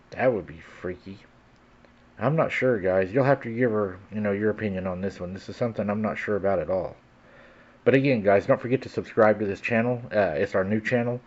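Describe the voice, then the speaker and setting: A man's voice: on the low side, a little mellow, highs cut off. A man hosting a channel, reading a viewer's story aloud and then chatting casually to his viewers. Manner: reads aloud, then chats to viewers as "guys". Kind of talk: storytelling narration and casual chat.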